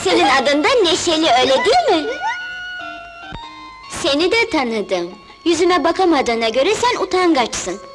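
A woman dubbing a sweet, gentle young princess in a film, speaking kindly and with wonder. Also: high voice, very animated, normal speed. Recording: dubbed film soundtrack with music.

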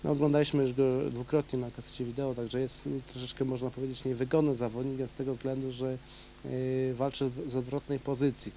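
A man, a kickboxing coach and organizer, answering questions in a local TV interview, pausing often with fillers. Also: mid-range voice, level tone, warm tone, slight background noise, low-quality recording. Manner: hesitant, many fillers.

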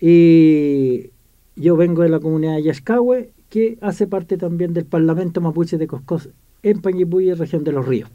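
A man's voice: fairly high pitch, normal speed, mellow, no room sound. A man, a community representative, giving a formal, hesitant opening in a radio interview. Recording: dry phone-like sound.

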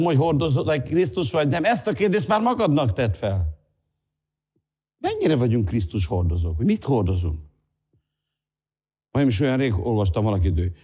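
A pastor delivers his sermon, his voice leaping up high as he urges the listeners on. Then he drops into soft, hushed asides. He preaches with a lively, swinging pitch. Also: husky. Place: church hall.

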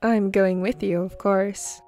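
A woman reading the lines of a calm, protective young man who grumbles low and slow, in a fan fiction reading. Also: soft background music.

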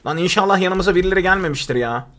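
A young man streaming a live game, chatting with viewers and teammates in a joking way with excitable outbursts. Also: sits high, very fast. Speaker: gaming streamer. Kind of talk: live gameplay commentary.

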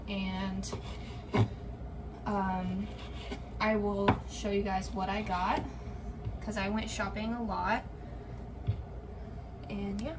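A woman's voice: medium pitch, recorded from a distance. A young woman chatting casually to viewers while she preps meals, rambling with lots of likes and ums. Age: young adult. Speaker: vlogger. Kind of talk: casual chat while cooking. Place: home kitchen, indoors. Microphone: camera on the counter. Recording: off-mic with clear room noise.

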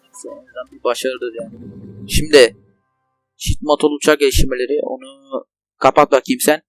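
A man's voice: mid-range voice, fairly even intonation, moderate pace, no echo, faint music behind. A young man hosting a gaming channel, giving casual let's play commentary, rambling and swearing at the game in frustration. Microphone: desk microphone.

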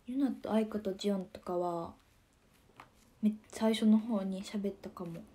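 A young woman with a Kansai accent and a mid-range voice hosts a casual idol livestream at a measured pace. Giggly and soft-spoken, she reacts to viewer comments and often sinks to a near whisper.

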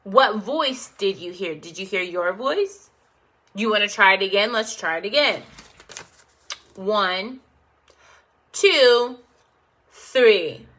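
A woman's voice: medium pitch, animated, moderate pace, sharp tone, husky. A woman hosting a self-help video, coaxing viewers through a call-and-response affirmation exercise with encouraging murmurs.

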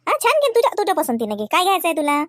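A woman playing a homely aunt in a comedy sketch, talking gently and scolding the children a little. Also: very high voice, huge pitch swings, very fast, no echo, studio quality.

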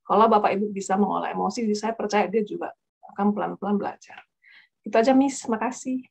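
A woman's voice: medium pitch, fast, gravelly, breathy edge. A woman giving direct, casual advice to parents over a video call, addressing the audience as Bapak Ibu. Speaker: evangelist speaker. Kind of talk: webinar talk to parents.

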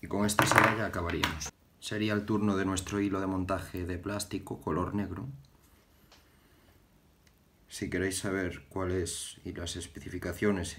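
A young man from Galicia hosting a casual fly-tying tutorial, talking haltingly and repeating words as he works with his hands at an indoor bench. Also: low voice. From Galicia, Spain. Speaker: fly-tying channel host.

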